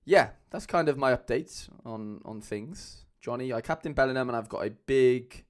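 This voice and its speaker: A young Welshman with a Cardiff accent hosts a livestream, chatting loosely and rambling with plenty of fillers while calling his viewers lads. He talks at normal speed into a boom-arm mic at home.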